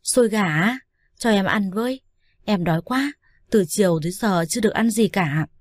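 A woman's voice: medium pitch, lively intonation, moderate pace, dry recording, lightly acted. Bitter old mother-in-law as a woman reads her, nagging and whiny, dry close sound. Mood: wheedling. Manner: scolding, whining. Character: angry, shrill older mother-in-law, loud and quarrelsome.

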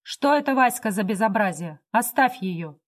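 A woman's voice: mid-range voice, lively intonation, normal speed, natural voice. An earnest workman lectures sternly about right and wrong, as a woman narrator reads his lines. He is preachy and firm.

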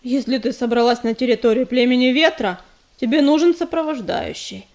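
A steady young tomcat warrior from a storybook, speaking low and measured, never rattled, as a woman reader lowers her voice for him. He sounds calm and sensible. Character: young male warrior cat, calm and level-headed.

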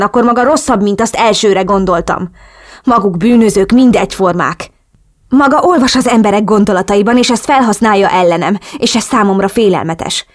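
A woman narrating a novel in the first person, earnest and emotional, pleading in the heroine's dialogue. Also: mid-range voice. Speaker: audiobook narrator.

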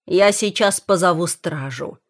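A woman voicing a hot-tempered young prince in an audiobook, commanding and loud. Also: on the low side, a little slow. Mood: angry. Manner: commanding, shouting. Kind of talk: audiobook character voice.

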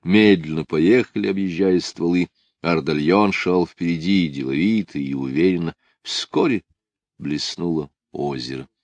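A man reading a literary novel aloud in a measured, expressive narration. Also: sits low, no echo. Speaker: audiobook narrator.

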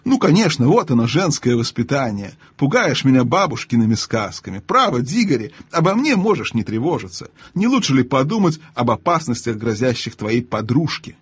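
A man voicing a pompous, cowardly old male sorcerer-scientist in a storybook reading, lecturing and haughty, with a husky voice. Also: mid-range voice, big pitch swings, normal speed, few pauses, dry recording. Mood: mocking. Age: older.

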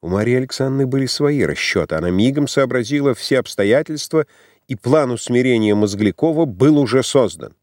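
Guy reading an audiobook, dramatic, lively voice, super dry sound. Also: mid-range voice, a little fast, dry recording. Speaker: audiobook reader. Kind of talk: expressive literary narration.

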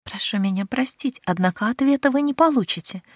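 A woman's voice: on the high side, brisk, no room sound, studio quality, voice pushed up, natural voice. Woman reading as a cheeky mocking young maid. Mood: teasing. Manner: mocking, teasing. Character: cheeky sharp-tongued young maidservant.

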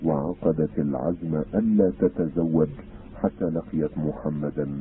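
A man narrating an audiobook in a formal, measured reading style. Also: rumbling low. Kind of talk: scripted narration. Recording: tinny phone-like sound, faint hiss.

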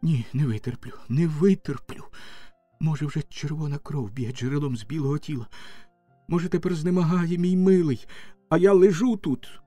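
A man's voice: on the high side, moderate pace, warm tone, dry recording, faint music behind, lightly acted. A man voicing a desperate young Cossack wife. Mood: anguished. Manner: tearful, pleading outcries.

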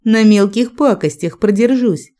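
A woman's voice: mid-range voice, measured pace, dark tone, lightly acted. A woman voicing a defiant young male demon who speaks in a growling, angry manner in an audiobook.

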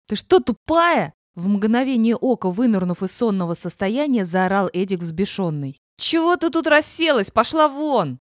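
A woman narrating a novel in an expressive, dramatic reading. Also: medium pitch, dry recording, studio quality. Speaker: audiobook narrator. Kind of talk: scripted audiobook narration.

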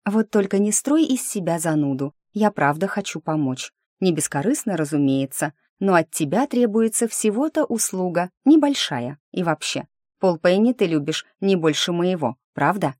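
Casting a pushy, sly young journalist voiced by a woman, brisk, close and dry. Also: fairly low pitch, animated, a little mellow, no room sound. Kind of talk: audiobook character reading.

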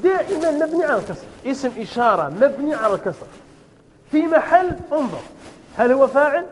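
A man with a high voice teaches a grammar class and walks through repeated examples. He keeps asking his students whether it is clear. The sound carries a long hall reverb with faint background noise. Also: very animated, fast talker. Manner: quizzes students, repeatedly checks understanding; explains step by step with repeated examples.

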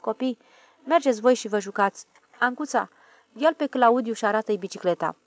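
A woman's voice: on the high side, dry recording, natural voice. A woman voicing an easygoing uncle in a storybook reading, who talks in a jovial, defensive way. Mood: bantering. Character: easygoing uncle, a grown man driving.

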